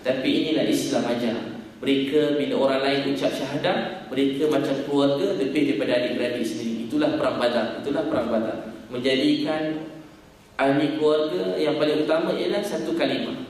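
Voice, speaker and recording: A man's voice: mid-range voice, fairly even intonation, quick pace, darkish tone. A male preacher giving an earnest, emotional sermon full of stories and rhetorical questions. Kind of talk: religious sermon. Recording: echoey hall, distant mic, faint ambience.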